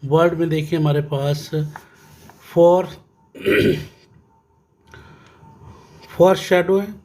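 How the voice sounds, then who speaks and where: A Pakistani-accented man gives a classroom grammar lesson in a fairly high voice. He talks at an unhurried pace, repeats terms and keeps stopping to ask whether the students understand. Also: a little mellow. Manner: slow, repetitive teaching with frequent "ji" checks; addresses students fondly, reads English text aloud. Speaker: English teacher.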